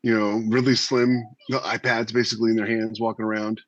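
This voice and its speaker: Lowish and flat, this co-host's voice moves briskly as he shares stories in a relaxed podcast chat. There's no room sound, and the close recording is a bit dull.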